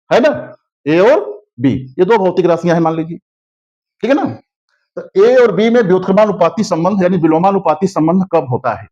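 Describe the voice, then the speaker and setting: A male teacher giving a classroom physics lesson, who keeps checking understanding with tag questions and slows down to spell out key terms. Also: a little high, a little mellow. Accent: Hindi. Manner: repetitive, constantly asks "है ना?" checking understanding. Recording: slightly dull lo-fi audio.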